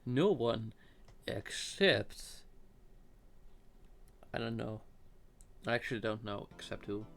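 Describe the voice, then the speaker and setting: A man's voice: medium pitch, slow, gravelly, long pauses, a bit bright. A man doing a casual let's play, reading game text aloud and commenting on it.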